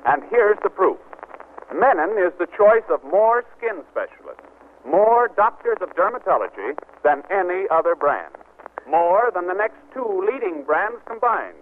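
A man's voice: high-pitched, sing-song, a little slow. A man as a polished announcer reading scripted lines on an old-time radio show. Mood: polished, upbeat. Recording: tinny, hissy old radio recording.

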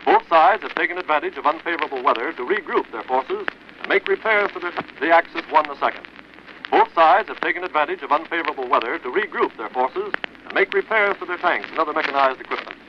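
A man reading wartime news bulletins in a brisk, formal announcer style, heard as an old 1940s radio news broadcast. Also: on the high side, animated. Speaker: radio newscaster. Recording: muffled lo-fi archival radio with hiss.

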